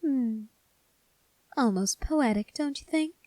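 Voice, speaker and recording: A woman playing a cynical, taunting gang member in an ASMR role-play, speaking in a sardonic, teasing, unhurried way. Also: high voice, expressive, a little mellow, no room sound. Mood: sardonic, ominous.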